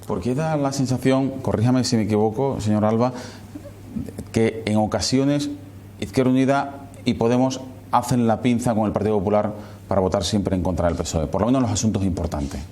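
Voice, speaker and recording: A man's voice: fairly low pitch, steady tone, a little fast, warm tone, a little hiss or hum. A man putting formal, probing questions as a political interviewer.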